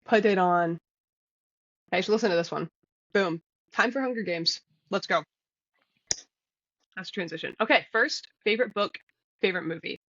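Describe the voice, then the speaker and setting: A woman's voice: medium pitch, normal speed, pauses often, fairly bright tone, dry recording, muffled recording. A woman co-hosting a podcast, chatting casually with lots of fillers and giggles. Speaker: podcast co-host. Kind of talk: casual chat. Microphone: podcast mic, eating on air.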